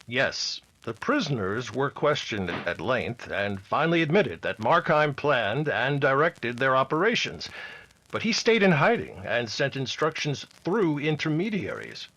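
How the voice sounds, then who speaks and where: A man's voice: mid-range voice, very animated, measured pace, sharp tone, heavily acted, low-quality recording. A man playing an earnest, dogged and respectful Mountie sergeant in an old-time radio adventure. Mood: modest, resolute.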